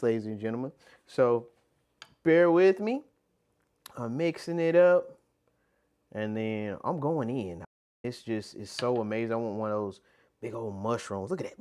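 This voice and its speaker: A man hosting a home cooking video, demonstrating a recipe with upbeat enthusiasm and plenty of repetition. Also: mid-range voice. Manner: upbeat, enthusiastic, repeats himself. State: talking with mouth full. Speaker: cooking channel host.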